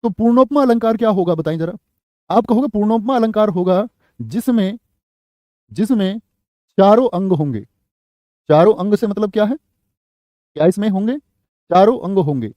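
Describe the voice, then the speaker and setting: High-voiced man teaching a Hindi class. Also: expressive, moderate pace, long pauses, mellow, dry recording. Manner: quizzing students with repeated questions; calls students brother and friend. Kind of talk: online exam-prep class lecture.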